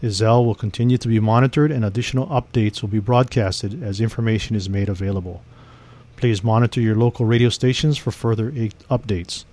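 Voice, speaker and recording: Low-voiced man reading an emergency bulletin. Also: fairly even intonation, mellow. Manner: formal, measured and official. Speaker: civil defense announcer. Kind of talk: read emergency broadcast message.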